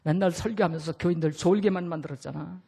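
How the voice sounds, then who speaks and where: A man's voice: a little high, fairly even intonation, quick pace, gravelly, dark tone, slightly rough, voice pushed down. A man voicing Jesus in a sermon joke, scolding a preacher bluntly.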